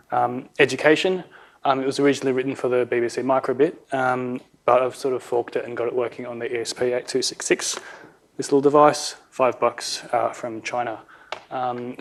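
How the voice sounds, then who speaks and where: A man's voice: medium pitch, creaky. A man in his thirties giving an informal technical lightning talk at a podium microphone. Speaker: conference speaker. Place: conference room at a podium.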